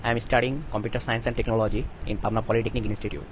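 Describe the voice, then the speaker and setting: A man's voice: on the low side, little pitch movement, racing, slight background noise, low-quality recording. A young man from Bangladesh with a Bangladeshi accent, reciting a careful self-introduction in simple English as a student applicant.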